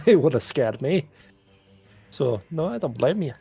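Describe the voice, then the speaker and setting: A man's voice: on the high side, sing-song, unhurried, creaky, dark tone, husky, faint music behind. A man playing in a tabletop game, talking hesitantly with many restarts and rambles. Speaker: player. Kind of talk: tabletop role-play chat.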